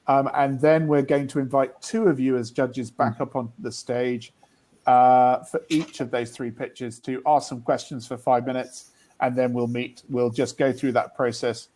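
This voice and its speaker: A man's voice: medium pitch, darkish tone, low-quality recording. Man hosting a live business event. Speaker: event host.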